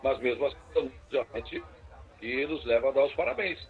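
A man calling in to a live radio show over a phone line that keeps breaking up, so his words come out halting and repeated. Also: mid-range voice, expressive, creaky. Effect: phone line breaking up and cutting out. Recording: muffled, cutting-out phone call.

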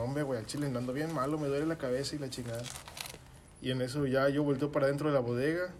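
A man's voice: mid-range voice, a little hiss or hum. A young man with a Mexican accent telling a story to friends in casual, slangy chat full of swearing. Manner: slangy, swearing, acts out his own shouting in quotes.

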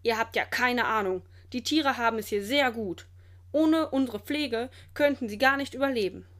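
A woman voicing a stern, angry male zoo director in a children's storybook, scolding loudly. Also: a little high, normal speed, natural voice. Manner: scolding, loud.

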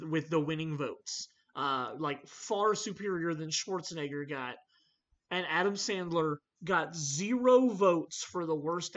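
An animated man hosts a casual movie chat, ranting with energy. His pitch jumps around as he argues his points. The recording is a little dull and lo-fi. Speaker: podcast host. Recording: slightly dull lo-fi audio.

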